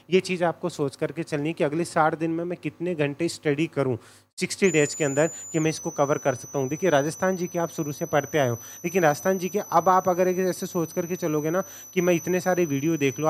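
Man teaching exam strategy. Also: fairly high pitch. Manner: direct, repeats points, says "thik hai" often. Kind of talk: casual spoken lecture.

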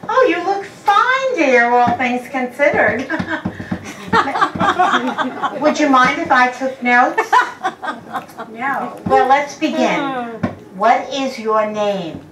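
A woman's voice: high voice, lively intonation, extremely slow, long pauses, full character voice. An older woman acting a theatrical psychic medium in an amateur stage play, dramatic with gasps and exclamations. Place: community hall stage with live audience. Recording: echoey hall from far off, noisy.

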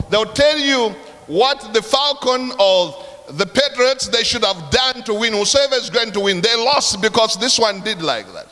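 A man's voice: high-pitched, sharp tone. A man from Africa preaching a sermon, telling a story emphatically and addressing the congregation directly. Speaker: pastor. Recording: long hall reverb.

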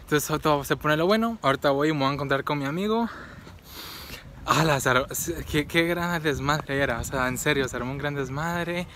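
A man's voice: on the high side, brisk, sharp tone, a little hiss or hum. A young man from Guatemala, chatting casually in a rambling vlog full of fillers and restarts while out and about. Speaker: vlogger. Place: out and about, market and home.

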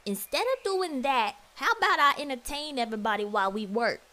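A woman voicing a brash, carefree young female camp counselor in an animated parody, sassy and casual. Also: high-pitched, a little fast. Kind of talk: amateur animated parody voice acting. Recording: music behind the voice.

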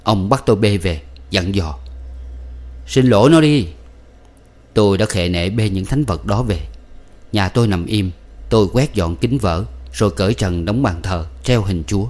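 A man reading a novel aloud as an audiobook narrator, with steady, measured storytelling. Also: low-pitched. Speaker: audiobook reader.

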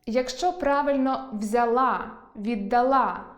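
A woman teacher giving an online school lesson, slowly stressing words to show where the accent falls. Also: a little high, reverberant, faint music behind.

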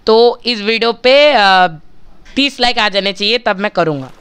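A man's voice: high voice, measured pace, a bit bright, clean tone. A male gaming channel host giving chatty, casual commentary while he plays, talking straight to his viewers and bargaining with them for likes.

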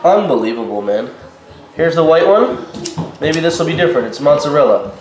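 An animated man in his thirties, congested with a head cold, talks at a normal speed in a voice on the high side, indignantly warning viewers of his casual kitchen vlog. Audio comes from a camera mic a short way off, with echo and faint noise.

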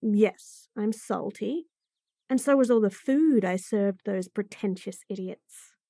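A woman voices a bratty, sassy bunny-girl chef in a fantasy F4M roleplay, teasing the listener directly in an acted monologue. Her medium-pitched voice is mellow and slow. The recording is dry and studio-clean.

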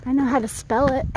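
High-voiced young woman hiking vlogger. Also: noisy background. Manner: chatty, laughs often, hushed on quiet peaks. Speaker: thru-hiker vlogger. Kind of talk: casual vlog narration. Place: outdoors on a mountain trail.

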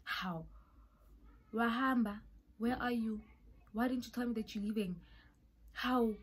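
A woman's voice: a little high, measured pace, slightly rough, voice pushed up. A woman voicing her demanding young female roommate, in a South African accent. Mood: indignant.

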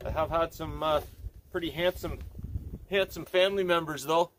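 In a snowy yard, a channel host in his forties casually demonstrates chainsaw care, folksy and relaxed, filling his thinking aloud with fillers. He speaks on the high side at a moderate pace; his camera mic gets nearer and farther as he moves, with clear background noise throughout.

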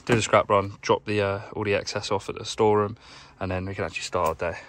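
A young man, a plumber, chatting casually to camera in a rambling, low-key way while tidying his van, filmed on a handheld phone. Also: fairly even intonation, quick pace, a bit bright. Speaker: plumber vlogger. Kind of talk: casual vlog narration while working. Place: inside a work van, outdoors nearby.

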